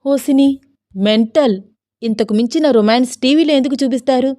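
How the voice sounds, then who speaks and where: A woman's voice: sits high, moderate pace, mellow, dry recording, clean studio sound, voice pushed up, close to an everyday voice. A woman voicing a teasing, eager young husband who scolds playfully.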